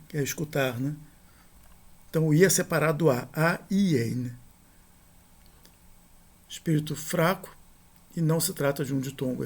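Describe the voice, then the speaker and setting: A middle-aged man teaching a recorded grammar lesson, patient and repetitive, often checking with a quick tag question. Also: fairly high pitch, creaky, husky. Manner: patient, repeats points, frequent "né?" tag questions.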